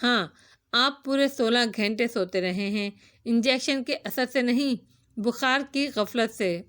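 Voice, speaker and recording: A woman reading a novel aloud, voicing a caring young woman doctor who talks in a gentle, coaxing way. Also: a little high, close to an everyday voice.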